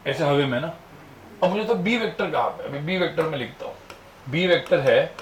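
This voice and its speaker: A man's voice: on the high side, a little hiss or hum. A male physics teacher giving a classroom lecture, firing constant questions at his students. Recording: echoey classroom with faint ambience.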